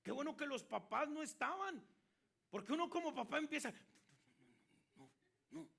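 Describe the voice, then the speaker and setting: A man's voice: very high voice, expressive, fairly quick, creaky, sharp tone. A man with a Mexican Spanish accent, preaching as a pastor and asking his listeners questions as he tells a story. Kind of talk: sermon.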